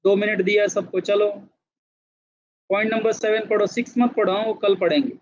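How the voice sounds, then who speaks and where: A man with a fairly high voice teaches a class in a lecture style, moving back and forth between Hindi and English. He keeps asking the students whether they follow. The recording is a bit dull and lo-fi, made in a classroom. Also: level tone, moderate pace.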